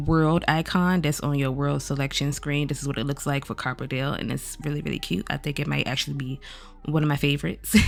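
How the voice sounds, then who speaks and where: A woman with a gravelly, just-woken-up voice talks casually through a game overview, speaking directly to her viewers and calling them "y'all". Soft music plays faintly underneath. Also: low-pitched. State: groggy morning voice. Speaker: gaming video creator.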